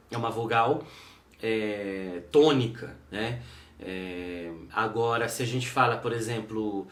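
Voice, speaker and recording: A man with a Brazilian Portuguese accent delivers a recorded university lecture in a middle-range voice. He explains patiently and thinks aloud, pausing on fillers as he goes. The sound bounces around an echoey room. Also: medium pitch, fairly bright tone. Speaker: university teacher.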